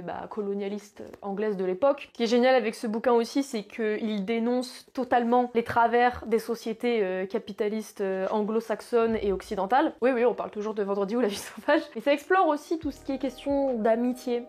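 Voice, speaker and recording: A woman's voice: fairly high pitch, normal speed, hardly any pauses, darkish tone. A woman in her twenties chatting casually about books she read, slangy and self-mocking. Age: 20s. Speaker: book vlogger. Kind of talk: casual book review vlog.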